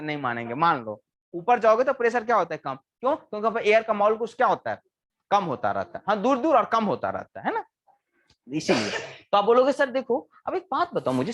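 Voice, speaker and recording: A male engineering teacher lecturing a live class in a lively voice that swings up and down. He keeps asking the students questions and answers them himself, and slows down sharply when he dictates a definition to be written down. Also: high voice. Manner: homely, colloquial teaching with everyday examples.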